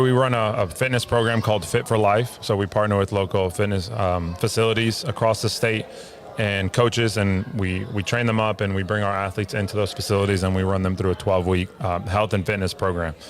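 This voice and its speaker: A man who organizes a fitness program explains it during an interview, in a relaxed, steady way with some fillers. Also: fairly low pitch.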